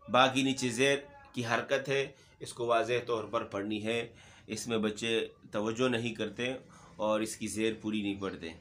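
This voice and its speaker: A man teaching Quran recitation, briskly and patiently explaining pronunciation rules to learners. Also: lowish voice, fairly bright tone.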